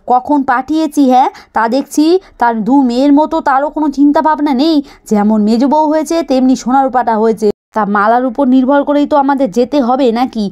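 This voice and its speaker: A woman's voice: high-pitched, a little mellow, natural voice. A woman voicing a bossy, grumbling grandmother and mother-in-law in a doll cartoon, scolding and nagging.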